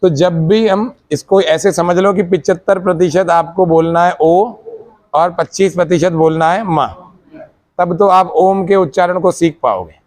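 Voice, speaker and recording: A man teaching a meditation class, explaining each step slowly and asking again and again whether his students have understood. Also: high voice, darkish tone.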